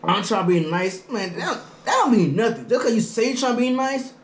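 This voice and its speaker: Casual male storyteller, high and quick, animated retelling, echoey room with faint noise. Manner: animated retelling, repeats phrases. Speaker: vlogger telling a story. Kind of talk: casual storytime chat, quoting past conversations. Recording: roomy echo, faint background noise.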